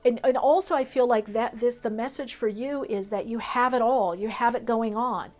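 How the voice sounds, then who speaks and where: A woman's voice: a little high, normal speed, a little mellow. A woman reading tarot for her viewers, talking in a flowing, spiritual way with fillers and long trailing lists. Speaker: tarot reader.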